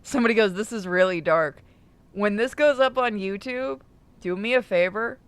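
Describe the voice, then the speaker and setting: This co-host's voice is mid-range and clean, at a moderate pace, recorded dry. Over the game's music, they read a visual novel's narration aloud, chat casually and curse without holding back during the playthrough.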